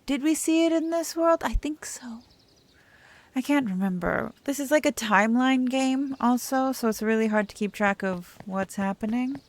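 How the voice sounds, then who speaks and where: Streaming a let's-play, this young adult woman talks at a normal speed in a high voice. Her chatter is casual and meandering, full of self-corrections, and she reads out the on-screen text.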